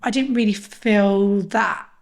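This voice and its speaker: A woman in her thirties, a podcast guest telling a personal story in an earnest, emotional way, often halting and restarting. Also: medium pitch, fairly even intonation.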